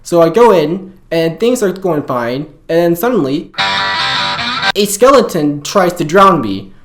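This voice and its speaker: A young adult tells a casual story slowly and deliberately. The voice sits at a middle pitch. The recording has a roomy echo. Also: very animated, faint music behind. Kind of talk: casual anecdote.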